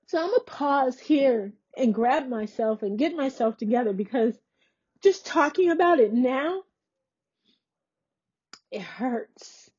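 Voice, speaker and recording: Woman, podcast host, personal storytelling, earnest emphatic delivery, mellow tone, dull lo-fi audio. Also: sits high, animated, normal speed, hardly any pauses, husky.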